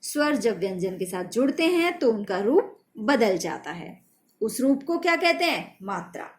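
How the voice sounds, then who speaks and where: A woman teaching a children's grammar lesson, slow and patient, spelling out letters and sounds one by one. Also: a little high, big pitch swings.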